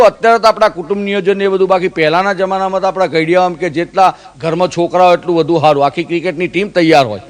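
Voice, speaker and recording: A man's voice: high-pitched, a bit bright. A man from Gujarat telling stand-up jokes, acting out the characters in his stories with mimicked voices. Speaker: comedian.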